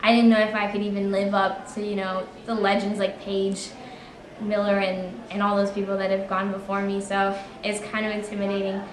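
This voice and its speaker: A woman's voice: mid-range voice, monotone, a little fast, slight background noise. A teenage girl, a student performer, speaking modestly in a documentary interview. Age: teens. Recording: echoey room, distant mic, music behind.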